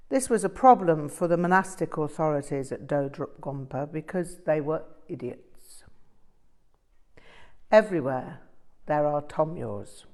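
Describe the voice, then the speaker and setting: In an audiobook, a woman voices an older male Tibetan Buddhist master, telling stories deliberately and emphatically at a fairly low pitch.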